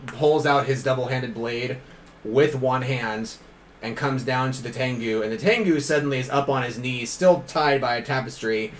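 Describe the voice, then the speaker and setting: Guy game master telling the story off the cuff, medium pitch, some room noise. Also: moderate pace. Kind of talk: improvised tabletop game narration. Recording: noisy room recording.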